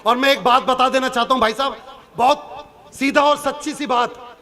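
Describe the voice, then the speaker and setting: A man telling a comic story on stage at a poetry gathering. He acts out the characters and shouts some of their lines. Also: very high-pitched, fairly even intonation, normal speed. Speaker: stage poet. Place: outdoor stage event with audience laughter.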